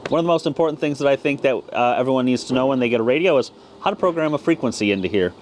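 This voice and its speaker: A ham radio video host gives a casual, plain-spoken, step-by-step product tutorial, talking very fast in an animated, medium-pitched male voice. Background noise is clearly audible.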